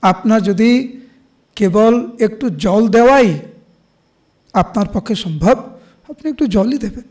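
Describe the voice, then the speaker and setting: An animated, slightly mellow middle-aged preacher from India with a Bengali accent and a fairly high voice leads a devotional class. He alternates between everyday examples and slow verse recitation that sounds almost like chanting.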